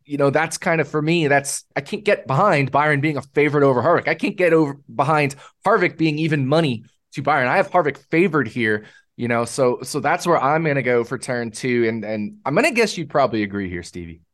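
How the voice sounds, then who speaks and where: A man's voice: mid-range voice, lively intonation, brisk, a bit bright. A man hosting a sports podcast in casual conversation. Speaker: sports betting podcast host. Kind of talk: casual chat.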